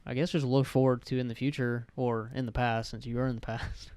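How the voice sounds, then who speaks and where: Young male podcast host, clear resonant voice, dry close sound, casual and rambling. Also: medium pitch, flat delivery, fairly quick, darkish tone, no room sound. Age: young adult. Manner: rambling, self-correcting.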